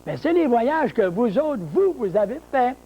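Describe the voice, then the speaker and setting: A man gives a grammar lesson straight to camera. His voice sits high for a man, and he explains at an unhurried pace. He repeats key words, spells terms letter by letter and answers his own rhetorical questions. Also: sing-song, creaky, mellow, low-quality recording. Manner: slow, deliberate explaining with many repetitions and rhetorical questions. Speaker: French grammar teacher.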